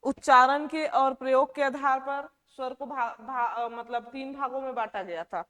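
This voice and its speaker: A woman teaching a class, asking questions and repeating key words slowly. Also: high voice, fairly even intonation, pushed and bright, big-room sound. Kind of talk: classroom lecture.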